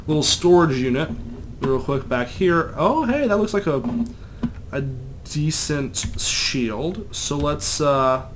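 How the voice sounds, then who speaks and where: A man's voice: on the high side, animated, slow pace, slight background noise. Rambling young man narrating gameplay. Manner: chatty, rambling, self-deprecating. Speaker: let's play gamer. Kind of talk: casual gameplay commentary.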